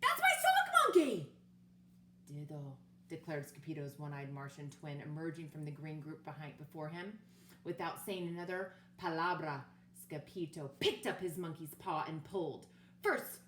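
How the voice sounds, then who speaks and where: A woman reading a children's storybook aloud as a teacher, playful, expressive and sing-song. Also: low-pitched, normal speed. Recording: echoey room with faint hum.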